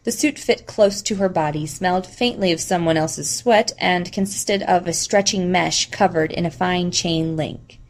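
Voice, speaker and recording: For an audiobook, a woman reads scripted novel prose at a moderate pace with few pauses. Her voice sits a little lower than most women's.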